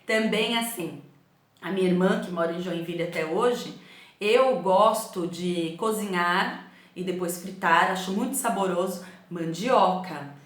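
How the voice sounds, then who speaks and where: A middle-aged woman with a São Paulo accent, teaching a remote class and telling stories in a lively way, often asking "né?". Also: lowish voice, a little slow. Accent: São Paulo Portuguese. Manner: storytelling, animated, asks the class "né?". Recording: echoey room.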